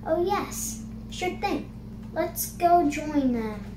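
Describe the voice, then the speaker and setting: A woman's voice: sits high, animated, drawn-out words, voice pushed up, exaggerated voice. A young girl voicing a cheerful, playful narwhal from a picture book, in a chirpy manner. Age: child. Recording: noisy, roomy home recording.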